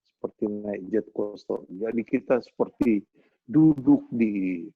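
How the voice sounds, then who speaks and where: A middle-aged man preaching at a Bible study in a husky, breathy voice. He tells homely stories in a folksy, animated way. The sound is dry and thin like a phone line. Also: lowish voice, slow pace, no echo. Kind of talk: sermon with storytelling.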